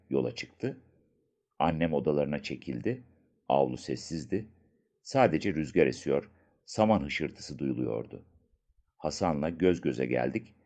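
Man, very deep voice, audiobook narration, hushed storytelling, muffled lo-fi sound. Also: gravelly. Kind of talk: scripted first-person story narration.

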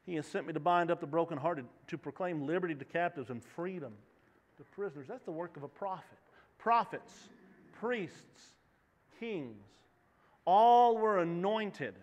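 A man in his thirties preaching a sermon, walking the stage and asking the congregation questions. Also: high voice. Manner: walks the stage, gestures, asks the congregation questions. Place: church sanctuary. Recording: long reverb of a church hall.

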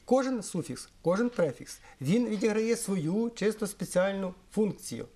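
A middle-aged man from Ukraine explaining things in an interview, measured and pausing often on fillers. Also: sits high, expressive, dark tone. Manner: measured, with frequent hesitations and fillers. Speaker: interviewee, Esperanto historian.

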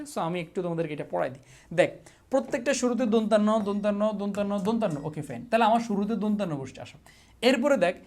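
Teasing coaching teacher. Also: male voice, high-pitched, darkish tone. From Bangladesh. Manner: teasing, repeats questions, mock threats, drills students. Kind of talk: casual exam-prep class.

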